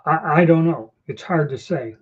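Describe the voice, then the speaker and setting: A man's voice: on the high side, moderate pace, husky. A man hosting a casual livestream from a small indoor room, rambling conversationally, his speech slightly impeded by new false teeth. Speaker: livestream host. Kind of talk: casual livestream chat answering viewers. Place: small storeroom or office, indoors. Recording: dull lo-fi livestream audio.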